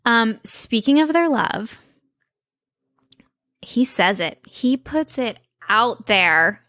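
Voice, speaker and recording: A woman's voice: a little high, animated, takes it slowly, a bit bright, no room sound, clean studio sound. A young woman co-hosting a podcast, chatty and enthusiastic, with frequent ums and likes. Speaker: podcast co-host. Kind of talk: casual chat.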